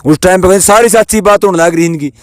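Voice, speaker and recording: A man talks angrily and bluntly in a street interview, swearing as he goes. His voice sits fairly high, and the recording is dry and close. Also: brisk, no room sound.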